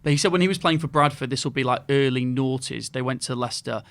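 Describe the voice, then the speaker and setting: A man with a medium-pitched, slightly bright voice talks quickly while hosting a football podcast. He tells a long anecdote in a chatty, rambling way, filling it with frequent fillers as he chats casually.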